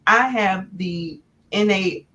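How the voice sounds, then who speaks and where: A woman talks as a guest on a casual panel, her pitch an ordinary middle height. She lays out her thinking in a measured, earnest way and often checks in with the others. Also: sharp tone, muffled recording.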